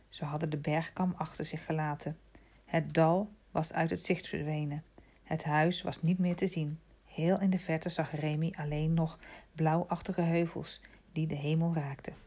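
A woman narrates a storybook in a calm, measured way, her voice sitting low for a woman. She lets her delivery sink to a near hush in the quiet passages. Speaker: audiobook narrator.

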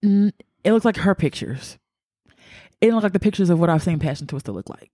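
A woman with a somewhat low voice co-hosts a casual podcast, drawling through slang and breaking into laughter. The sound is dry and close, with no room around her. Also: lively intonation, fairly quick, dark tone, no room sound. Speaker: podcast co-host. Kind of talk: casual chat.

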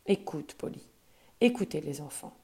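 A woman voicing a calm, wise father who speaks in a hushed, half-whispered way in a storybook reading. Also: sits low, moderate pace.

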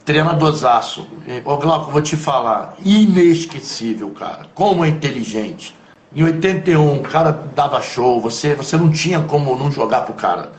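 A man with a Carioca accent recounts his football youth in a lively, slang-heavy conversational style, his voice sitting a bit higher than most men's. He is recorded in a roomy space with a noticeable echo around his voice. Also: moderate pace. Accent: Carioca Brazilian Portuguese. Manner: animated, slangy storyteller with many asides. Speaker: former footballer guest. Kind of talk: conversational storytelling interview.

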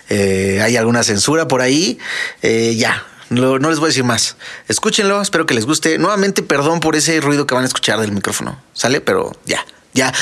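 A man with a Mexican Spanish accent hosting a music podcast, chatting casually and slangily with quick asides. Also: mid-range voice, fairly bright tone. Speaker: podcast host. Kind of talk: casual chat.

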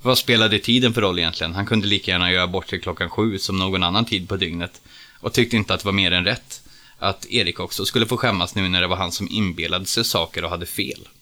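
A man reading a story aloud as narrator. His voice sits low but sounds bright and forceful. He tells it steadily and plainly.

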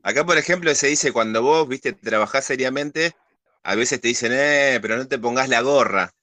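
An Argentine man with an Argentine Spanish accent joins the chat with playful, joking remarks and quick asides. His voice is bright and forward at a middle pitch, recorded close and dry. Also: dry recording. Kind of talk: casual chat.

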